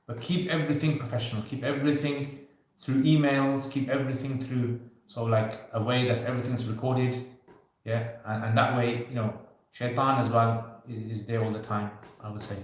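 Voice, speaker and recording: In a very echoey room, a man in his thirties hosts a casual livestream Q&A, answering viewer questions. His mid-range voice holds a steady tone at normal speed, and he talks loosely and conversationally, joking lightly and saying "you know" a lot.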